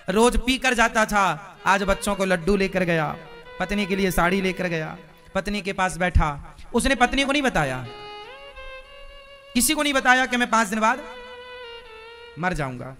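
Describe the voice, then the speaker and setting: Male preacher, high bright voice, folksy storytelling sermon, faint music underneath. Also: expressive, a little slow, long pauses. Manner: folksy, asks the audience questions.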